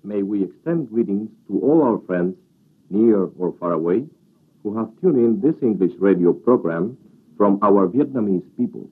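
A man radio announcer heard on an old 1968 broadcast recording, reading formal greetings in a measured way. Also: fairly low pitch, expressive, husky, phone-quality sound. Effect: old 1968 shortwave radio recording.

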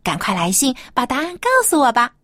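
A woman with a fairly high, animated voice presents to young children. She talks in simple, clearly phrased scripted sentences as a program host, in a close, dry recording. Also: fairly quick, no echo. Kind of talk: scripted storytelling and quiz for children.

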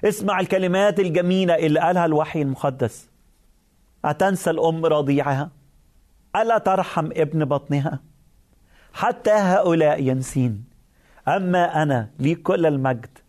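A man's voice: a little high, fairly quick, long pauses, a little mellow. Earnest Egyptian man preaching. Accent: Egyptian Arabic. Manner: earnest, repetitive preaching with direct address to the listener. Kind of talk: sermon.

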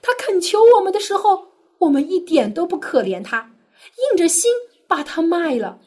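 A woman's voice: high-pitched, sing-song, measured pace, darkish tone. A woman voicing frightened, guilty brothers pleading in a children's Bible story. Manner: pleading, panicked.

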